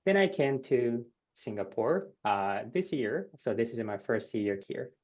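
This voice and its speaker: A man in his thirties from Japan, with a Japanese accent, answering interview questions in a measured way with many "uh" pauses. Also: mid-range voice, sing-song, a little mellow. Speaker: guest researcher. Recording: dull lo-fi sound.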